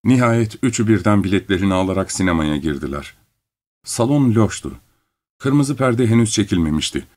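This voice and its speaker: A man narrating a story in a calm, measured way. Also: on the low side.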